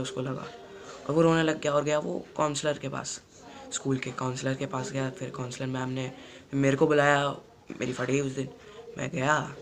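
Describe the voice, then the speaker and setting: A teenage boy telling an unscripted school story for his vlog, rambling and repeating himself. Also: mid-range voice. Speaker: YouTuber.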